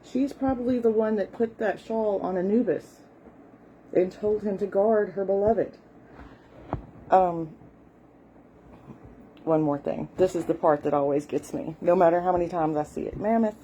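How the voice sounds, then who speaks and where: A Southern American woman with a soft, mellow, fairly low voice rambles happily at home, full of ums and little apologies. She sounds middle-aged and eager, and a faint hum of the room sits behind her. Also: a little slow, long pauses, dull audio. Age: at least late 40s. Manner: chatty and enthusiastic, frequent fillers and apologies; shows a book page and walks viewers through it. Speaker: history hobbyist host. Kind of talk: casual rambling explanation. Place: home, cat nearby.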